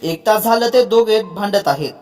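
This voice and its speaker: A man's voice: sits high, lively intonation, moderate pace. A storyteller voicing a young man who scolds his friend, in a read-aloud story. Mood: chiding. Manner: chiding.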